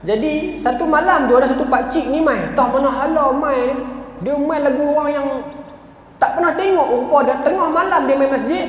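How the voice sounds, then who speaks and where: A man's voice: very high voice, brisk. A man with a northern Malaysian accent giving a storytelling religious lecture, speaking straight to his audience. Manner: animated storyteller, acts out quoted voices, addresses audience directly. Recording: very echoey hall, long reverb, faint noise.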